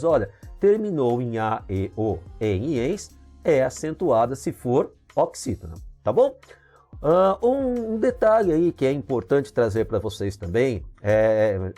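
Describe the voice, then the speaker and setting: A man with a Brazilian Portuguese accent teaching a grammar lesson, explaining step by step and often checking in with "tá?" and "ok?". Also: medium pitch. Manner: lively explaining with many "tá?" and "ok?" checks. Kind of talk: recorded video lesson.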